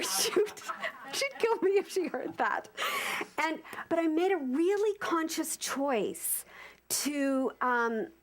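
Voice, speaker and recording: A woman in her fifties giving an informal sermon to a congregation, animated and repeating phrases for emphasis. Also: on the high side. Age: 50s. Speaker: speaker at a spiritual center service.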